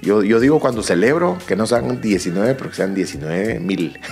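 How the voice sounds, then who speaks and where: Brief: a male host, Guatemalan Spanish accent, lowish lively voice, friendly chat, faint music. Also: gravelly. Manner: friendly, quick backchannels and laughs. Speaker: interview host. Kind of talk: casual conversational interview.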